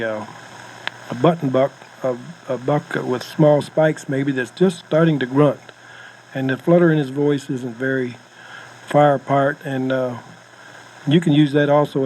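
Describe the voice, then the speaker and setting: Plainspoken and folksy, an American man offers casual hunting tips on a noisy cassette tape made at home. His medium-pitched voice has a slightly mellow quality.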